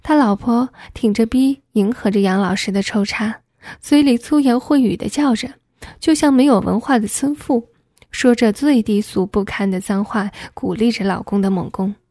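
A woman narrates a story in soft, steady tones. Her voice is husky and somewhat high, and the recording is dry and close. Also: moderate pace, no room sound. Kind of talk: reading an adult story aloud.

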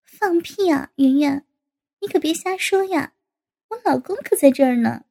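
A woman's voice: sits high, animated, normal speed, vocal fry, mellow. A woman doing a playful bold sister.

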